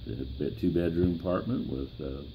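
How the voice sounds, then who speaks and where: Very deep, gravelly old American man. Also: expressive, muffled recording, slight background noise. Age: 70s or older. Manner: plain-spoken, halting, pausing mid-phrase. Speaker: interviewee, grandfather. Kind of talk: reminiscing in an interview.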